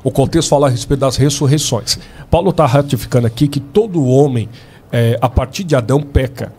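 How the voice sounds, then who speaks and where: A Brazilian man, a pastor, laying out his side of a theological debate in a measured, explanatory way and quoting scripture. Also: medium pitch, darkish tone, slightly rough. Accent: Brazilian Portuguese.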